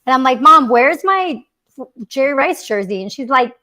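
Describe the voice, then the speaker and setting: A woman's voice: high voice, lively intonation, moderate pace, sharp tone. Giggly, chatty young woman host. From Mexico City, raised in the Bay Area. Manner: chatty, giggly, rambling with many fillers. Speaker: podcast host. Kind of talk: casual livestream chat.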